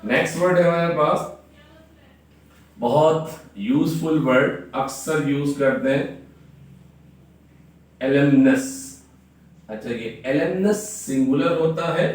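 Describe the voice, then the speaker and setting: A man teaches English grammar at an unhurried pace, spelling words out letter by letter. He keeps checking that the viewer follows. His voice rings through a very echoey room from some distance off the mic. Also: fairly high pitch. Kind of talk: classroom-style grammar lesson.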